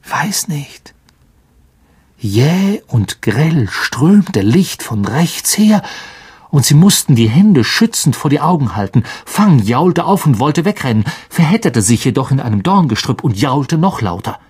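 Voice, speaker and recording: A man narrating a fantasy audiobook in a hushed, suspenseful storytelling manner. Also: medium pitch, big pitch swings, a little slow, breathy edge.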